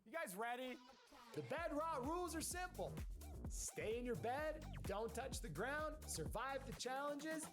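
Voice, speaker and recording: Hypey game show host reading rules, swingy voice, music bed. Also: mid-range voice. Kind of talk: hosting a reality competition.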